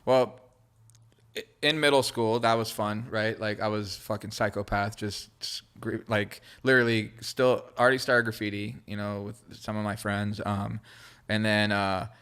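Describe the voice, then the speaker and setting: He has a clean, fairly bright, low-leaning voice, speaks at a normal speed, and keeps his delivery flat. Originally from Israel but raised in California, with Hebrew as his first language, this podcast guest and creative director tells wandering, casual stories laced with slangy fillers and restarts.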